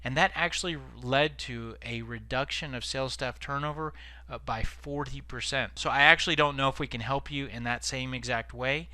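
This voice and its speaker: A man's voice: medium pitch, moderate pace, bright, forceful tone, dry recording. A man acting as a businesslike salesman leaving a polite cold-call voicemail, reading from a script in a sales lesson.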